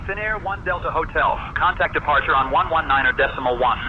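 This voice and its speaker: A man's voice: fairly high pitch, fairly quick. A man working as an air traffic controller, giving clipped procedural instructions over the radio. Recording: muffled radio with steady background noise.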